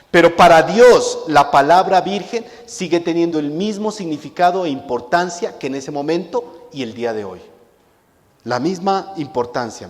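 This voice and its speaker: A male pastor preaching a sermon to his congregation, emphatic and full of rhetorical questions, often repeating a key word for weight. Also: fairly high pitch. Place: church hall. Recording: long hall reverb.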